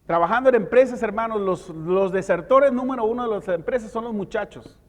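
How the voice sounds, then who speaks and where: A man's voice: high-pitched, a little fast. A male pastor preaching a sermon in a conversational way, asking his congregation rhetorical questions. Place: church service in a hall. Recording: long hall reverb.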